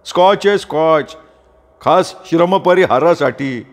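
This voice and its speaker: A man voicing a boisterous, generous farmer with loud, hearty rural talk. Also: a little high, slow pace, in a large hall, pitched above the performer's own voice. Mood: jovial. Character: boisterous, generous middle-aged farmer, former convict.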